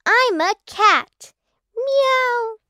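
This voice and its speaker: Squeaky little animals from a children's picture book, as a woman puts them on, chirping in a very high, sing-song voice. The lines are drawn out slowly and bounce up and down in pitch. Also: lively intonation, bright, forceful tone, slight background noise, exaggerated voice. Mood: playful.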